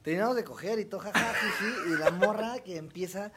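A man's voice: high-pitched, fast talker, heavy background noise. A young adult man with a Mexican Spanish accent, co-hosting a radio show in casual chat, joking and slangy. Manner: joking, slangy, laughs often. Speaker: co-host.

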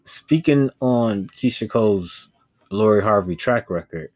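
Lively man from Chicago, blunt. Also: lowish voice, measured pace. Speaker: podcast co-host. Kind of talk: casual celebrity gossip chat.

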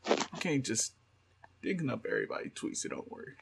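A man's voice: medium pitch, huge pitch swings, brisk, creaky, heavy background noise. A man co-hosting a podcast in loose, profane casual chat, often reading quotes aloud. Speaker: podcast co-host.

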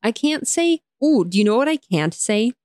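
A woman's voice: a little high, very animated, normal speed, a little mellow, no echo, clean studio sound. A woman in casual chat trying tongue twisters, laughing often between words.

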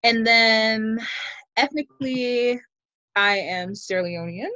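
A woman's voice: on the high side, slow pace, bright, forceful tone, no room sound, lo-fi sound. A young woman with a Maryland accent, co-hosting a podcast in casual chat, playful and teasing with lots of slang. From Maryland, USA. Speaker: podcast co-host.

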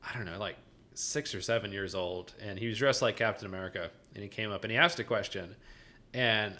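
With a fairly low but pushed, bright voice, a podcast co-host talks briskly. The chat is casual and enthusiastic, rambling with lots of restarts.

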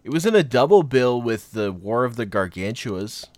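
A man co-hosting a casual chat about films, talking animatedly and jumping into excited mock voices. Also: mid-range voice, moderate pace, no echo. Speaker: podcast co-host.

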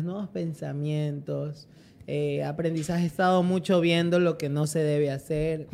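Male co-host, unhurried and jokey, some faint noise behind him. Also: a little high, creaky, a little mellow. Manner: playful, joking, drawn-out lists. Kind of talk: casual chat.

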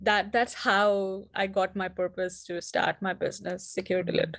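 In a casual interview, a twenty-something Indian woman who founded a company talks earnestly, regularly starting her words over. Her mid-range voice is gravelly and flat in delivery, at a moderate pace.

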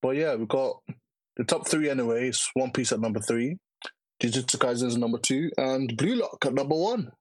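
A man's voice: mid-range voice, expressive, normal speed, darkish tone, dry recording, low-quality recording. Man, London roadman accent, slangy, podcast host, casual chat, dry close sound. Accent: London, urban roadman slang.

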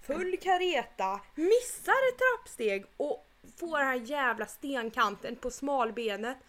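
A woman co-hosting a casual podcast chat, blunt and animated, swearing often. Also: sits high. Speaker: podcast co-host.

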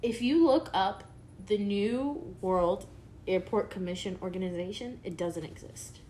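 A woman's voice: mid-range voice, a little slow, warm tone. A woman co-hosting a podcast in loose casual chat. She rambles through her points with filler words and swears now and then. A faint hiss runs under the recording. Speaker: podcast co-host.

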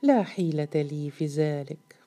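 A woman's voice: low-pitched, animated, a little slow, warm tone, soft background music. A woman voicing a frightened male police chief who pleads anxiously for mercy. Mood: pleading. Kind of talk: storybook reading.

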